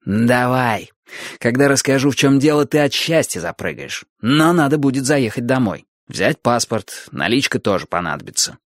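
A man voicing a brash, mocking young man in an audiobook, loud and theatrical. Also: mid-range voice, sing-song, normal speed, dry recording, studio quality, close to an everyday voice. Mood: sly. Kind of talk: audiobook character voice.

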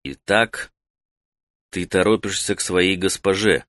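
A man voicing an old male mage who interrogates a captive in a measured, quietly commanding way. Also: sits low, steady tone, no room sound. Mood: cool. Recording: dry close studio sound.

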